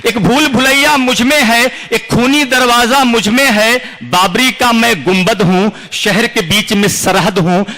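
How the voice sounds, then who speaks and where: A very high-pitched, bright, and forceful male voice carries across a large outdoor poetry gathering, where an Indian poet recites his own humorous and serious verse. He goes unhurriedly with few pauses, declaiming and repeating lines for effect.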